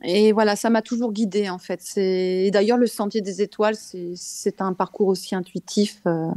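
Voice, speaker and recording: A woman's voice: medium pitch, fairly even intonation, normal speed, dark tone, no room sound, studio quality. A woman with a Parisian French accent giving a personal account in a conversational interview, often hesitating as she searches for words. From Paris, France. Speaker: guest, author and radio columnist.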